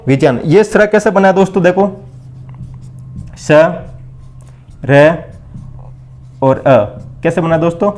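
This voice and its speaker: A man's voice: sits high, takes it slowly, long pauses, darkish tone. A man teaching an exam-prep lesson, repeating each question and answer in call-and-response drills and keeps calling his listeners friends. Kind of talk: blackboard lesson for exam preparation.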